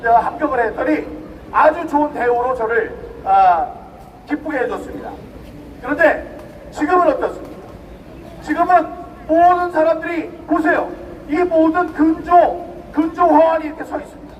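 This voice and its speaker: A middle-aged man with a strikingly high voice delivers an emphatic outdoor rally speech, turning to the crowd with rhetorical questions. He sounds set back from the microphone, with a faint hiss of open-air noise behind him. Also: distant mic, lo-fi sound. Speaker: rally speaker.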